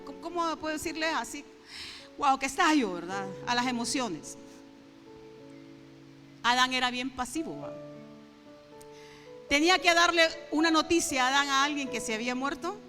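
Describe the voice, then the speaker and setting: A woman's voice: sits high, sharp tone. A middle-aged woman preaching an earnest, conversational sermon in church, speaking straight to the congregation and slipping into fervent prayer. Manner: earnest, addresses the congregation directly; emotional, breaks into fervent prayer. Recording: reverberant church hall with faint instrumental music.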